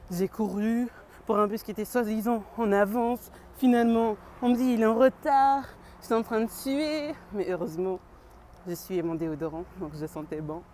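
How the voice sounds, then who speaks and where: A woman's voice: mid-range voice, steady tone, moderate pace, mellow, a little hiss or hum. A woman vlogger chatting casually and slangily, as if to friends. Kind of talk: casual vlog chat.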